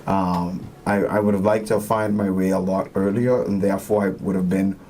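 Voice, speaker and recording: A man's voice: sits low, steady tone, dark tone. Earnest man, faint room noise. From Bahamas. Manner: earnest, motivational, pauses to find words. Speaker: interview guest, music producer. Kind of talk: reflective interview talk.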